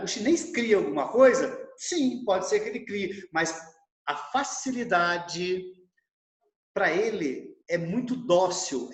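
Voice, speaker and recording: A middle-aged man giving a lecture over a video call. He explains lively and acts out little dialogues in his examples. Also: high voice. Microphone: video call microphone. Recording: roomy echo on a video call.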